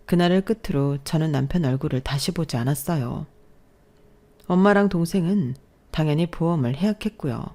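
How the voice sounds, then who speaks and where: A woman narrating a scripted first-person story in a brisk, matter-of-fact way. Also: low voice, warm tone.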